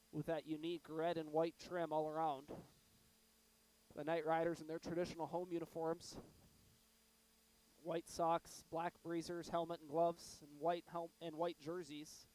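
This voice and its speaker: A man with a sore throat announcing live from an arena broadcast booth, talking in a monotone. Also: on the high side, low-quality recording. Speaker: play-by-play announcer.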